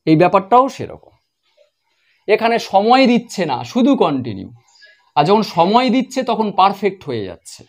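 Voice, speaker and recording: A high-voiced man leads a grammar lesson. He explains each rule step by step, saying example sentences slowly and repeating them. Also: very animated. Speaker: English grammar teacher. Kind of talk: spoken grammar lesson at a board.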